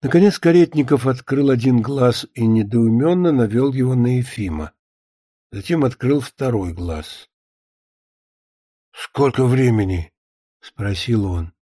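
A man narrating a story as an audiobook in a calm, measured reading. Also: mid-range voice, dry recording, clean studio sound.

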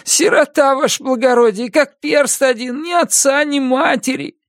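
A man voicing a humble male convict who pleads for mercy in a wailing, high-pitched voice. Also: moderate pace, a bit bright, dry recording, studio quality. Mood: pleading.

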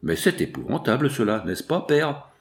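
A man's voice: mid-range voice, sing-song, moderate pace. A man voicing an emotional young woman, the daughter of a rich industrialist, in an audiobook. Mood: anxious. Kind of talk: audiobook character reading.

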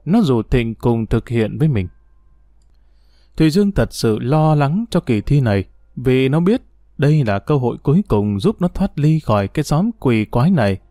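A man narrating a story in a steady, even storytelling manner. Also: mid-range voice, no room sound, studio quality. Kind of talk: audiobook story reading.

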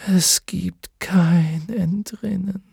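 A man reading an audiobook and voicing a weary, despairing talking horse that speaks haltingly and often in a whisper. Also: high voice, steady tone, creaky, a little mellow, slightly rough, no echo, studio quality, voice pushed up, full character voice. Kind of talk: audiobook character voice.

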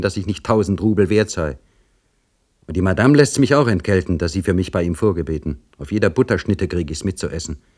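A man reading a story, voicing a bitter, sly male livery servant who grumbles loudly and mocks. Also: sits low. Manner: loud, complaining and mocking.

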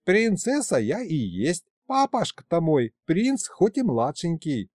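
A man's voice: a little high, wildly swooping pitch, slow, a little mellow, no echo, clean studio sound, pitched above the performer's own voice, exaggerated voice. A man voicing a young female kikimora who chatters eagerly and boasts. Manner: rattling, eager.

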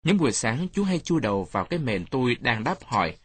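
Man reading a story, lively, slightly husky. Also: medium pitch, a little fast, dry recording. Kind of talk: storybook narration.

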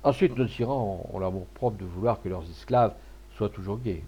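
A man's voice: lowish voice, moderate pace, husky, dull audio. A man reading as a worldly coquettish duchess. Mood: soothing. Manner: soft, affectionate, knowing.

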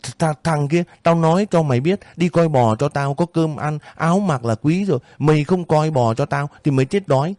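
A man's voice: a little high, animated, moderate pace, hardly any pauses, mellow, dry recording, studio quality, voice pushed up, natural voice. A man voicing a stingy, cruel and cowardly older woman landowner in an audiobook reading, scolding shrilly and pleading in a panic.

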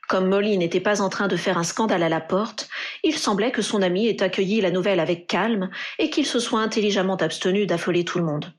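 A woman reading a fan fiction story aloud in a steady narrating voice. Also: medium pitch, brisk. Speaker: reader.

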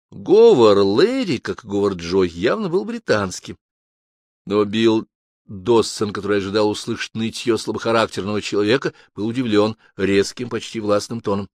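A man narrating a detective novel audiobook in an even, measured reading. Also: on the low side, dry recording, studio quality.

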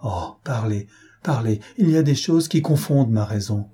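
A man's voice: medium pitch, animated, normal speed, dark tone, breathy edge. A man voicing a feverish, bedridden young man, agitated and imploring, in an audiobook.

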